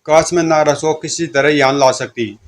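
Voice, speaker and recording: A man's voice: fairly high pitch, steady tone, normal speed, natural voice. A man voicing a fierce young woman who defies and curses her enemy. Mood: defiant. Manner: defiant, cursing.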